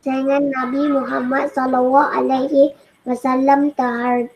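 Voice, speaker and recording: A woman's voice: sits high, little pitch movement, a little slow, a crowd in the background, poor audio. A female pupil reading a text aloud in an online class, carefully, with small stumbles.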